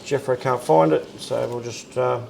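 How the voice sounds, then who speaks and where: A man co-hosting a casual chat at home, relaxed and rambling with lots of fillers. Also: mid-range voice, moderate pace, gravelly, slight background noise, poor audio. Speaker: co-host.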